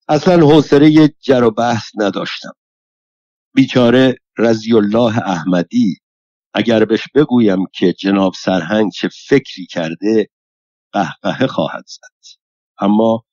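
A man narrating an audiobook in an even, measured first-person storytelling reading. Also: fairly low pitch, no echo. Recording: dull, lo-fi dry recording.

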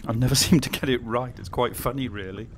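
An Englishman in his sixties films himself on a small open sailing boat on an estuary, using an action camera mounted on the boat. His casual vlog narration is relaxed, chatty and self-mocking, full of fillers, delivered fast in a medium pitch, with wind and water noise clearly audible.

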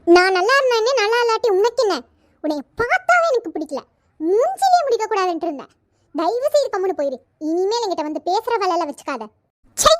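A woman's voice: extremely high pitch, steady tone, a little fast, a little mellow, voice pushed up. Woman voicing a heartbroken young college girl. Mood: scornful. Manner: tearful, pleading. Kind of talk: cartoon voice acting.

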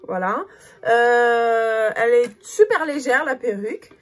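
A woman's voice: fairly high pitch, animated, slow pace. Chatty woman with a Cape Verdean Portuguese accent. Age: 30s. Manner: chatty, many fillers, distracted by her child. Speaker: vlogger. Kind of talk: casual chat to camera.

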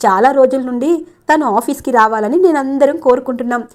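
A woman's voice: high voice, fairly quick, a little mellow, close to an everyday voice. A woman voicing an eager, respectful young office assistant.

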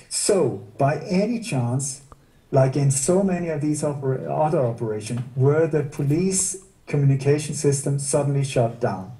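A man speaks at an average pitch with a very dark, mellow tone, sounding well back from the microphone. His voice carries a noticeable room echo. He talks as a guest in a casual interview, often poking at his subject with sarcastic rhetorical questions. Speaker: guest researcher. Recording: distant roomy mic.

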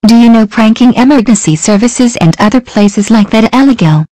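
A young man putting on a squeaky falsetto to play a stern female emergency dispatcher who scolds the caller. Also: moderate pace, darkish tone, no room sound, low-quality recording.

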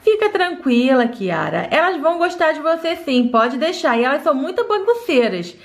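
A woman's voice: high voice, sing-song, normal speed, voice pushed down. A woman doing a soothing doll mother. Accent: Brazilian Portuguese. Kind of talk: toy doll play video.

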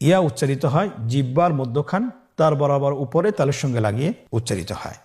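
Teaching the Quran in a recorded lesson, a man from Bangladesh patiently elongates each letter name, saying it loudly so others can repeat. He talks fast, with an animated, medium-pitched voice.

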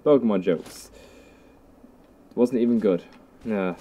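A man's voice: lowish voice, takes it slowly. A young man giving casual, jokey commentary while playing a game, often talking to enemies. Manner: jokey, excitable, talks to enemies. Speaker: gameplay commentator. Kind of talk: casual let's play commentary.

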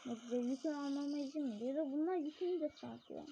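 A woman giving excitable play-by-play commentary on a mobile game, talking straight to her viewers. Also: high-pitched, fast. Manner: excitable, keeps addressing viewers. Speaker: gaming channel host. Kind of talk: live mobile gameplay commentary. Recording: dull lo-fi recording with steady noise.

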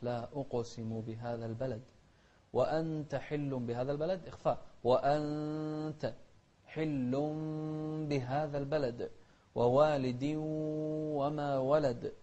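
A man teaching Quran recitation. He chants verses slowly, then drops into quick, quiet asides to correct pronunciation. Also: medium pitch, muffled recording.

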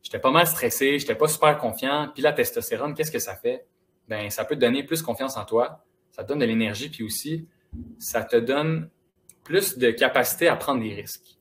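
Lively young Québécois speaker. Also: male voice, medium pitch, normal speed, slight background noise. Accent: Quebec French. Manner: lively, casual and encouraging, addressing the audience directly. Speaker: motivational speaker. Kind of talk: conference talk to students. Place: school auditorium.

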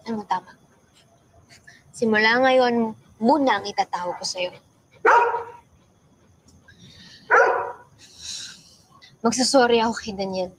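A woman's voice: fairly high pitch, breathy edge, poor audio. A young woman with a Filipino accent playing a conflicted, lovesick girlfriend, impulsive and earnest, in a naturalistic film drama. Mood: reflective, resolved. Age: young adult.

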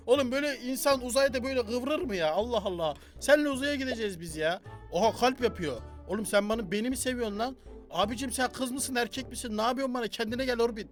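Young male gaming youtuber, very high voice, quick and loud, jokey running commentary, faint game music under. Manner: loud, joking, talks to the game characters. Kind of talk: excited gameplay commentary.

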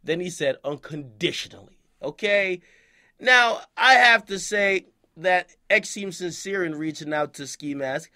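Young male online commentator; high, piercing voice; slangy, animated, keeps checking in with "okay?". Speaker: hip-hop news commentator. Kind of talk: casual commentary to camera.

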